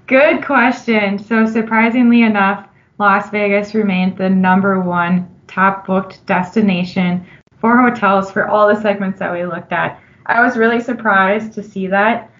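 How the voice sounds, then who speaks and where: A woman with a Minnesotan accent talks as a guest in a relaxed interview, friendly and upbeat. Her voice sits at an everyday middle pitch. The sound is dull and lo-fi. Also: a little slow. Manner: friendly, upbeat, laughs easily. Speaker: customer analyst guest. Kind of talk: casual conversational interview.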